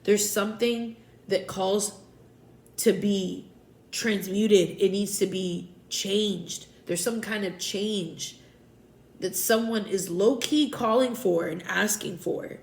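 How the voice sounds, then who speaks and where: A woman with a slightly stuffy nose talks through a tarot reading in a loose, rambling way, circling back and correcting herself as she goes. Her voice sits at an ordinary middle pitch. The room around her gives the sound a noticeable echo. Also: takes it slowly, creaky. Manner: relaxed, rambling, self-correcting. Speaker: tarot reader.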